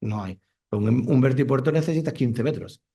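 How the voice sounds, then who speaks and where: A man's voice: medium pitch, moderate pace, vocal fry, mellow. A man who is a commercial airline pilot, speaking with enthusiasm at a conference talk and explaining with examples. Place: lecture room.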